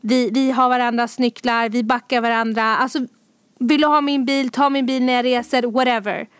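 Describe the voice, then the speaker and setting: A woman's voice: on the high side, steady tone, clean tone, no echo. A young woman, co-hosting a podcast as an enthusiastic storyteller who drops English words into her speech. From Sweden. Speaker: podcast co-host. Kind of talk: casual chat.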